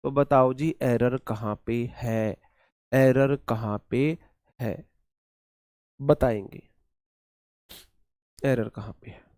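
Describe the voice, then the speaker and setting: A man's voice: mid-range voice, drawn-out words, long pauses, a little mellow, no room sound, studio quality. A man with an Indian accent teaching an exam-prep English grammar lesson, repeating key points and quizzing his students.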